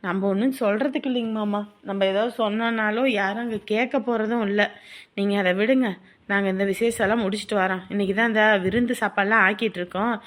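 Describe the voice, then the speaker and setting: An actress playing a village daughter-in-law, speaking in an outspoken, aggrieved way. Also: female voice, mid-range voice, fairly even intonation, quick pace, close to an everyday voice. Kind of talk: village family drama.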